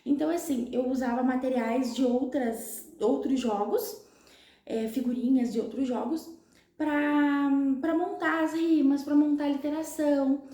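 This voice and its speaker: Woman, Brazilian Portuguese accent, high pitch, patient step-by-step explanation, echoey room. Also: fairly even intonation, measured pace, dark tone. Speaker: literacy educator. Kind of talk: explanatory talk to parents.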